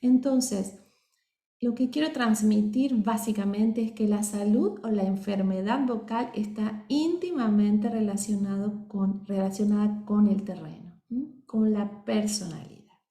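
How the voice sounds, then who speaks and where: A woman's voice: mid-range voice, measured pace, dark tone. A woman teaching a voice course, explaining patiently and often checking that her listeners are following. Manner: keeps checking in with the audience; explanatory, acts out example voices. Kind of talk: course lecture. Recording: roomy reverberant sound.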